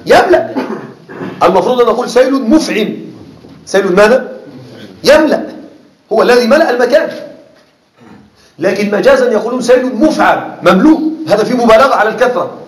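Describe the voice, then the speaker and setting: A man teaching a class on Arabic rhetoric, repeating words slowly and often asking his students whether they follow. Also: high voice. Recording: echoey classroom with faint noise.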